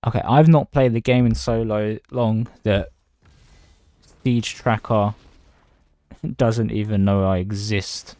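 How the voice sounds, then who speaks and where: A man's voice: fairly low pitch, fairly even intonation, slow, long pauses, warm tone, dry recording. A man casually chatting on a livestream from home, rambling between topics and greeting viewers by name. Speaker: livestreaming gamer.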